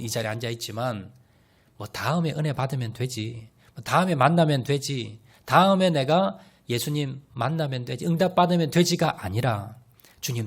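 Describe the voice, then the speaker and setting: A male pastor preaching a sermon, talking straight to the congregation and swinging between loud cries and hushed lines. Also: medium pitch. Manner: addresses the congregation directly and often.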